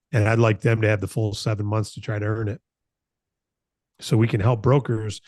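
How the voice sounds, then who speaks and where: An American man in his late fifties, a company founder hosting a broker announcement meeting, gives an informal motivational business talk. His voice is lowish and darkish with no echo, and he sounds earnest and conversational, repeating phrases for emphasis.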